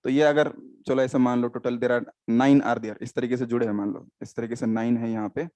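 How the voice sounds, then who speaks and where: A man's voice: medium pitch, flat delivery, normal speed, warm tone, dry recording. An Indian man teaching biology in a live class, often quizzing students and repeating terms, switching into English.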